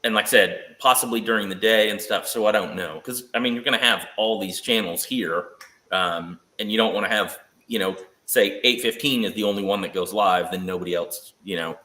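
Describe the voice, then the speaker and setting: A man with a lowish, bright voice talks loosely about plans, full of fillers and hedges. His voice rings in a roomy space. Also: brisk. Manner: rambling, hedging with fillers. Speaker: guest on automotive chat. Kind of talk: casual chat.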